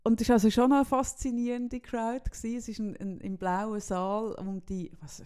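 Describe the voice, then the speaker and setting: Brief: young Swiss woman, podcast host, animated casual storyteller. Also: on the high side, moderate pace, clear, resonant tone. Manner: animated, quotes others in lively back-and-forth.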